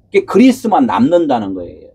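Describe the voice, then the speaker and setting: A pastor preaching a sermon, asking his listeners questions and answering them himself, at times raising his voice to a shout. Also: medium pitch, huge pitch swings, quick pace, husky. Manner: asks the congregation rhetorical questions and answers them.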